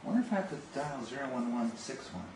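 A fast, mid-range voice with lively intonation comes from a middle-aged video phone sales rep who chats casually and gushes with enthusiasm while demonstrating a product and talking on a call. He is indoors in a small home office. The recording, made by a camera a few steps off, is roomy and distant with hiss.

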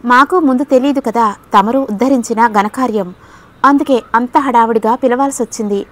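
A woman's voice: fairly high pitch, normal speed, natural voice. A woman voicing a hot-tempered, sarcastic young man in an audiobook story, with an irritated, snappish delivery.

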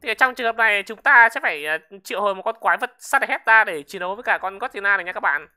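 Excitable game commentator. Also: medium pitch, very fast. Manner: excitable, shouts wow, repeats words in bursts. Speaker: gaming channel host. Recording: clear background noise.

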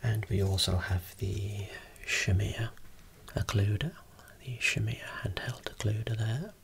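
A voice whispering slowly and softly, showing eye-clinic equipment as an ASMR role-play optometrist. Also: medium pitch, gravelly, a little hiss or hum. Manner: soft unvoiced whispering, explaining slowly.

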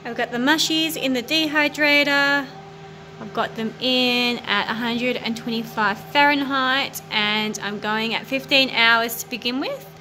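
A woman in her thirties chats to a phone camera at arm's length from her kitchen, sounding eager about her haul. Her voice sits somewhat high. A faint hum of room noise sits behind her. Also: steady tone, unhurried, bright, forceful tone. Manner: chatty, enthusiastic about the haul. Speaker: homesteading vlogger. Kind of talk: casual vlog narration. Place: home kitchen indoors.

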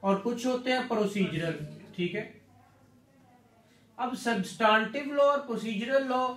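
Teaching law in a small room with a whiteboard, a Pakistani-accented man in his thirties talks a little slowly in an extremely high, slightly bright voice. He repeats key words, uses English legal terms, and frequently questions students to make sure they understand. The mic sits at a distance, and the room echoes.

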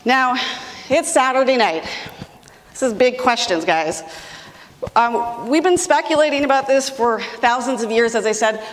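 A woman's voice: fairly high pitch, expressive, measured pace. A woman giving an enthusiastic public science lecture in a large lecture hall, speaking emphatically and talking straight to the audience. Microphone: far camera, room mic. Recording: distant voice in a reverberant hall.

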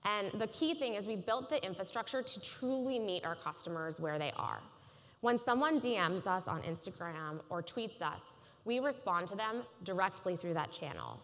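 A woman in her thirties giving a polished, measured conference keynote on a large stage. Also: mid-range voice, expressive, a bit bright. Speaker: keynote speaker. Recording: reverberant conference hall.

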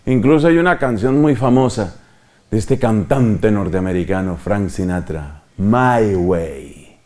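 A man's voice: on the low side, measured pace. A middle-aged man, preaching a sermon as a priest, asking his listeners questions and acting out quotes. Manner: animated, questions the audience and acts out quotes.

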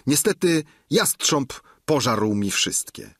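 Man voicing an excuse-making innkeeper, lively, husky, audiobook. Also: mid-range voice, slow, no room sound, clean studio sound, voice pushed up, heavily acted. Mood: evasive. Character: evasive boastful innkeeper, man. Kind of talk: audiobook reading.

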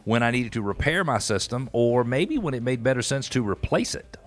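A man's voice: mid-range voice, animated, normal speed, faint music behind. A middle-aged man hosting a radio interview, asking questions in a curious, conversational way from a small studio on a broadcast mic. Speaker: radio show host. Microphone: studio broadcast mic with headphones.

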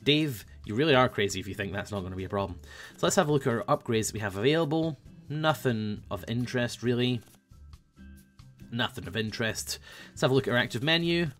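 A young man runs a hyper, chatty gaming commentary, reeling off food orders as he plays. His voice sits at a middling pitch, and faint music plays softly underneath. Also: lively intonation, fast talker. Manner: hyper, chatty, calls out orders while playing. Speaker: gaming video host. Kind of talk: casual let's-play commentary.

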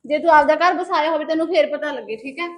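A woman's voice: high-pitched, quick pace, a bit bright. A woman playing a put-upon young wife who firmly defends her home in a melodramatic short film. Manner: firm, pleading, defensive. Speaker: sister-in-law, wife of the house.

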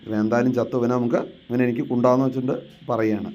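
A man teaching a textbook lesson. He reads Sanskrit lines slowly, explains them and asks rhetorical questions. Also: mid-range voice, level tone, darkish tone, slight background noise.

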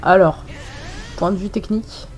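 This gaming channel host is a woman with a French accent and a sniffly cold, casually rambling through gameplay with many hesitations and fillers. Her voice is medium-pitched and steady with a darkish tone at normal speed. The low-quality voice-over has faint game music behind it.

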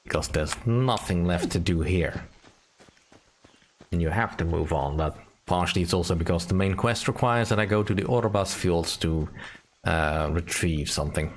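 Deep-voiced man doing game commentary. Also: normal speed. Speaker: gamer, let's play host. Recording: faint background noise, clicks.

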